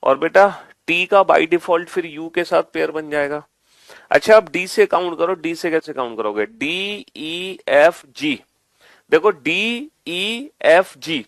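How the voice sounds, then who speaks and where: A man's voice: sits high, a bit bright, no echo. A young man teaching an exam-prep reasoning lesson, repeating each step and asking questions that he answers himself in the students' voice. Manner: answers his own questions in the students' voice, addresses them as beta; spells out letters slowly, repeating each step.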